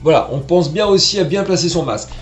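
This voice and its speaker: A man's voice: fairly high pitch, fast talker, reverberant, faint music behind. A man teaching trumpet online, explaining tonguing patiently and sounding out syllables as he goes. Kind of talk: online music lesson.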